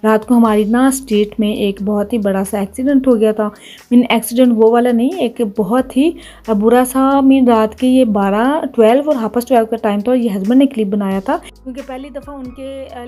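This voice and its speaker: Chatty woman vlogger, mellow voice. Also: on the high side. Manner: chatty, laughs often between sentences. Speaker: home vlogger and mother. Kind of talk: casual vlog narration.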